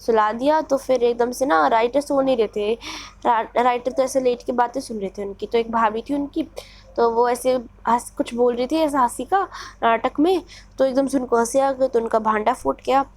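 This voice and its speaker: A young woman teaching a textbook chapter, reading passages slowly and then explaining them in everyday words. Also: fairly high pitch. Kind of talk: casual lesson, reading text then explaining it.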